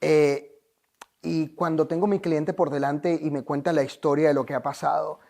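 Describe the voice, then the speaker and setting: A man's voice: on the high side, fairly even intonation, normal speed, vocal fry, a little mellow. A Venezuelan man, a life coach, telling his story in an interview in an earnest, emphatic, motivational way.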